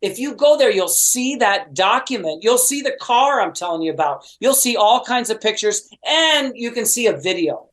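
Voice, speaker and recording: Animated male podcast guest telling stories. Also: sits high, normal speed, hardly any pauses, rough recording. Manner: lively storyteller, many "you know"s and quoted voices.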